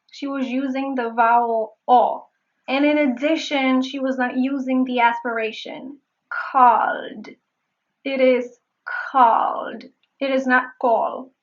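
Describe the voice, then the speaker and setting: Slow, high-voiced woman accent coach. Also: muffled recording. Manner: slow, deliberate, repeats words to demonstrate sounds. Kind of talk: pronunciation lesson.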